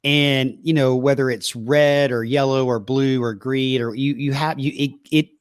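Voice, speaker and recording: A man's voice: mid-range voice, steady tone, unhurried, clear, resonant tone, no room sound, clean studio sound. Enthusiastic Southern US man hosting. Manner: curious, enthusiastic questioning. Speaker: podcast host. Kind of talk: casual interview chat.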